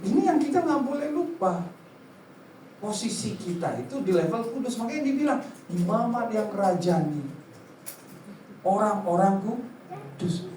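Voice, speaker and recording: Male pastor, playful sermon delivery with quick mimicked asides; distant mic, roomy hall. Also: high voice, a little mellow, a little hiss or hum. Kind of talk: lively preaching with acted-out anecdotes.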